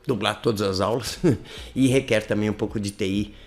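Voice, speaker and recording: A man, tutoring an English course in a live online lesson, talking conversationally with frequent "né?" tags. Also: moderate pace. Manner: lively, conversational, frequent "né?" tags, animated swings in pitch.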